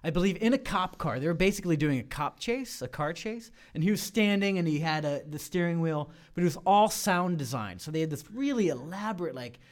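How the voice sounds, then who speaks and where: A man's voice: fairly high pitch, lively intonation, fairly quick, hardly any pauses. Rambling man, guest on a talk show. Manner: rambling, many fillers and restarts. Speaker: improv and sketch performer, guest. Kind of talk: casual interview chat. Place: studio. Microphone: studio microphone.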